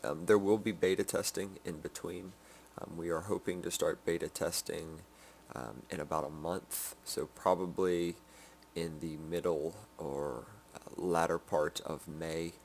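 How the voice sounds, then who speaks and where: A sleepy man giving a casual game development update, halting with many ums and restarts. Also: deep voice, fairly even intonation, vocal fry, a little mellow, slight background noise. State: sleepy, yawning.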